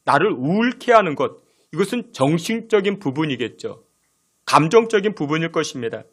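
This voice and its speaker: A man preaching a sermon as pastor in a church, asking the congregation rhetorical questions and moving between loud emphasis and soft, low phrases. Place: church sanctuary.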